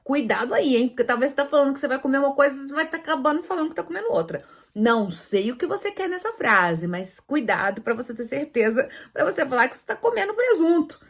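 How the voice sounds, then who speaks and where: A woman teaching Spanish pronunciation in Portuguese, lively, asking viewers questions and demonstrating sounds aloud. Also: high voice, fast. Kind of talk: online language lesson.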